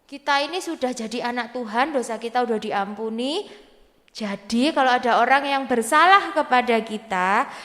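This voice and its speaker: A woman teaching Sunday school, telling a story to children in a lively way and asking them questions. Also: high voice. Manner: animated, addresses the children directly. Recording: long hall reverb.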